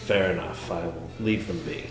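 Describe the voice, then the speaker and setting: A man's voice: low-pitched, normal speed, background noise. Casual male role-player in an echoey room. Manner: casual, sweary. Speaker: tabletop game player. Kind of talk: casual in-game role-play and table talk. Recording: roomy echo, faint music behind. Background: faint music.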